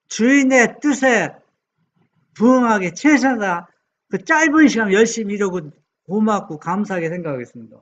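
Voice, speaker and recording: Pastor guy preaching, pretty high voice, asks the room questions, kinda muffled lo-fi audio. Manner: asks the congregation questions, slow deliberate scripture reading. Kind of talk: sermon. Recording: dull lo-fi sound.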